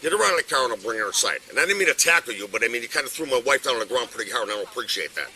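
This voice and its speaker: A man's voice: mid-range voice, lively intonation, very fast, bright, forceful tone, a little hiss or hum, low-quality recording. Rambling tipsy middle-aged man. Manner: rambling, swears a lot. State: drunk. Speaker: resident in a neighbor dispute. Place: outdoors on a residential street. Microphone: officer's body camera.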